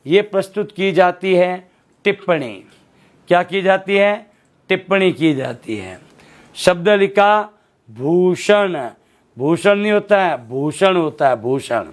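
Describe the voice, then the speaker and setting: Male exam tutor with a Rajasthani Hindi accent, high-pitched and unhurried, quizzes the class and answers his own questions. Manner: asks questions and answers them himself, repeats words slowly. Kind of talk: classroom lesson, quizzing the viewer.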